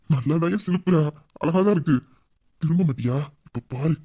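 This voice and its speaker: A man's voice: fairly high pitch, normal speed, mellow, slightly rough. A man playing a flirtatious male boss who teases a staff member in a Tamil audio drama. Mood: teasing. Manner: teasing, playful and bossy. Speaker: boss voicing a romantic male lead.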